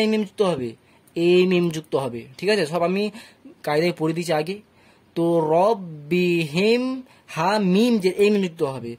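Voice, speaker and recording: Man, Bangladeshi Bengali accent, patient Quran teacher, slow syllable-by-syllable spelling. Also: sits high, breathy edge. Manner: patient, spells out letters and vowel marks, often asks "ঠিক আছে?". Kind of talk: slow syllable-by-syllable recitation lesson.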